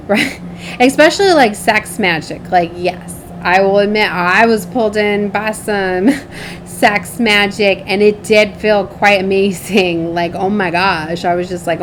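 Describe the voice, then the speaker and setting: This spiritual channel host speaks at medium pitch with a slightly bright tone, giving a loose, talkative tarot reading. She drifts off mid-thought, checks in with her listener, and keeps seeking agreement through tag questions. The audio is poor, with slight background noise.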